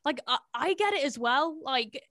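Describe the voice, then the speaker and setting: A woman's voice: high voice, lively intonation, moderate pace, fairly bright tone, no echo, clean studio sound. A woman hosting an interview show, talking in a casual, informal and slangy way.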